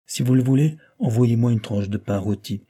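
A man reading aloud voices a sickly, anxious older woman who talks in a hushed, plaintive way. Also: medium pitch, moderate pace, breathy edge, lightly acted. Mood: fearful, plaintive. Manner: fearful, plaintive.

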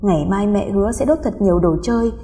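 A woman's voice: mid-range voice, normal speed, mellow, slightly rough, natural voice. A woman voicing a terrified, guilty middle-aged mother who begs through tears and stammers. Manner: stammering, crying, begging.

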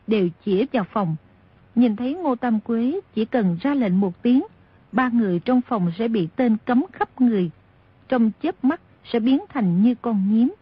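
Husky woman narrating a novel. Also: on the high side, no room sound. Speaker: audiobook narrator. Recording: dull lo-fi audio.

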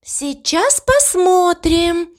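A woman reading an audiobook voices Death as a young female trainee, brisk, bossy and matter-of-fact. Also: extremely high pitch, very animated, voice pushed up, full character voice. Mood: insistent.

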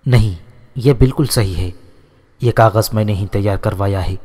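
A man's voice: lowish voice, natural voice. A man voicing a young landlord's son who answers his father firmly and steadily, in a storybook reading with a long reverb. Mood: defiant. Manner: firm, steady, unshaken.

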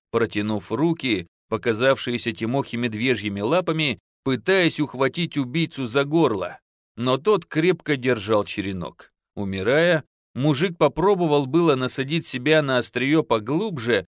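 A man giving dramatic, expressive scripted narration of a story on a close mic. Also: medium pitch, dry recording. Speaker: audiobook narrator.

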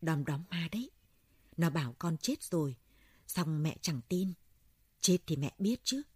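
A woman's voice: low-pitched, animated, a little slow, a little mellow, breathy edge, no echo, studio quality, heavily acted. A woman reading the part of a dazed elderly village woman who talks to spirits, in a rambling, dreamlike way. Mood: dazed, tearful.

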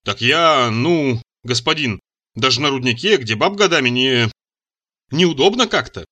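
A man's voice: medium pitch, lively intonation, measured pace, bright, forceful tone, dull audio. A man voicing a simple-minded burly male slave, a former miner, who talks in a meek, mumbling, artless way. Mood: embarrassed.

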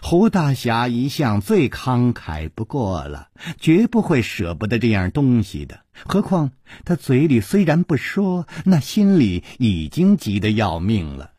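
A sweet-talking young woman, put on by a male storyteller coaxes in an amused, easy tone. The voice stays husky and dry, close to the mic. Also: mid-range voice, wildly swooping pitch, measured pace, hardly any pauses, mellow, no echo, exaggerated voice. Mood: coaxing.

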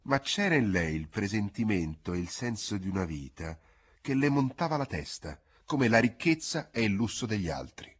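A man narrating a literary audiobook in a measured, expressive storytelling manner. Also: lowish voice, husky.

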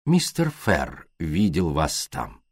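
A man voicing a shrewd, courteous foreign male detective in an audiobook, talking slowly, softly and deliberately. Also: rumbling low, wildly swooping pitch, breathy edge, no room sound, clean studio sound, voice pushed down, full character voice. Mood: gentle, insistent. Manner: slow, soft, deliberate.

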